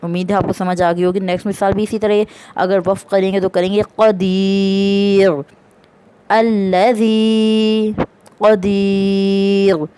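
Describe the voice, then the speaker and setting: A woman's voice: mid-range voice, flat delivery, warm tone, clear, resonant tone, no room sound. A woman teaching a Quran reading lesson, explaining patiently and drawing out each example word. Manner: slow, patient explaining, drawn-out recitation of example words. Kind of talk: recorded lesson.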